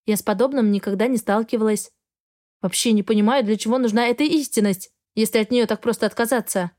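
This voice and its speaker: A woman's voice: fairly high pitch, fast, darkish tone, natural voice. Woman voicing a defiant young bride. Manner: stubborn, protesting.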